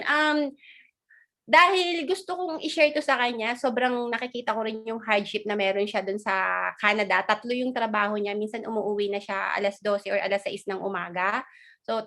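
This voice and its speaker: A woman with a fairly high voice talks casually on a video call. She is chatty and animated, and she drops in quick asides as she goes. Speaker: guest speaker. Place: abroad, in Australia.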